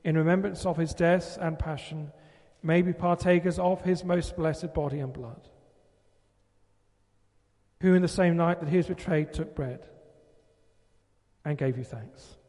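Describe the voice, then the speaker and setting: A man leading a Eucharistic prayer as priest, reciting in a measured, formal way, his voice ringing with a long cathedral-like reverb. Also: a little high, steady tone, darkish tone. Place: large church. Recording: long reverb in a large church.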